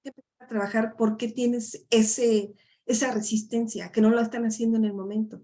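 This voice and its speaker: A woman's voice: a little high, flat delivery, moderate pace, warm tone. A middle-aged woman, a life coach giving a chatty workshop talk full of tag questions. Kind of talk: live online workshop talk.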